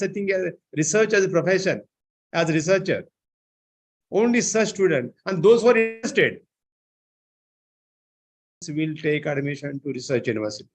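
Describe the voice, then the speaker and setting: A man giving an online seminar lecture, often filling pauses with "I think, you know". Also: high-pitched. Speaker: seminar speaker.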